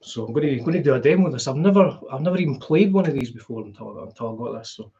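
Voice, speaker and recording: A middle-aged man with a broad Scottish accent and a husky voice, chatting casually and in a rambling, conversational way as he hosts a live stream. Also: mid-range voice, expressive, very fast, dark tone, dull audio. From Scotland. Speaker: guitar vlogger hosting a live stream. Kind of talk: casual chat.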